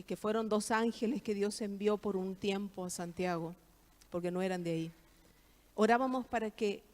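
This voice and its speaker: A woman's voice: mid-range voice, a little mellow. A middle-aged woman with an Argentine accent, giving a church testimony with heartfelt, emphatic repetitions. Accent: Argentine Spanish. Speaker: guest speaker giving testimony. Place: church service.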